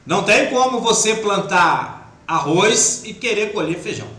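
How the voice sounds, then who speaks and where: A man with a Brazilian Portuguese accent giving an informal spiritist talk, acting out everyday speech in quick quoted asides. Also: sits high, expressive, sharp tone. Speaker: spiritist lecturer. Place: spiritist center hall. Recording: echoey room with faint noise.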